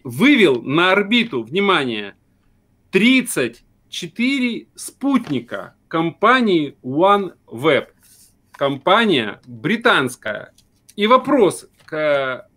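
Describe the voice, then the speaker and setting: A man's voice: a little high, fairly bright tone. A man from Crimea, a guest on a stream, chatting casually, laughing often and ranting heatedly about the news. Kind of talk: casual chat.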